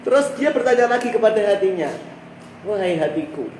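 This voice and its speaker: A man with a Javanese accent teaching a religious text study, reciting Arabic phrases and then explaining them in lively local speech. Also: high-pitched, brisk. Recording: echoey room, heard from a distance with background noise.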